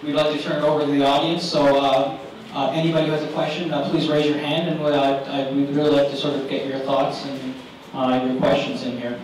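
A man moderating the panel, brisk with frequent fillers. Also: on the high side, flat delivery. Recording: distant echoey sound with noise.

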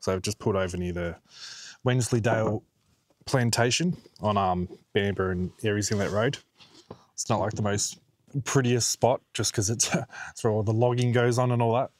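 A relaxed, chatty Australian man in middle age, talking to his camera outdoors by a quiet road. His voice sits low and is recorded dry and close, with easy laughs and the odd casual swear word. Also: moderate pace, no echo. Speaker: vlogger. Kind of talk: casual outdoor vlog chat.

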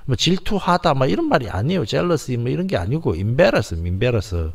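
A man giving an informal lecture on word origins, repeating words and sounding out syllables slowly. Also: fairly high pitch, sing-song, vocal fry. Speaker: lecturer on language history.

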